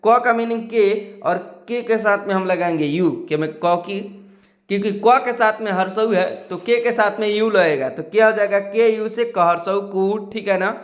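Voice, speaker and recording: A man with a North Indian Hindi accent teaches in a patient, repetitive way, often checking that his students follow. His voice sits high, and he draws out each syllable slowly to model how it sounds. The recording has a noticeably echoey room. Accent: Hindi-speaking North Indian. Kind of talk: classroom lesson.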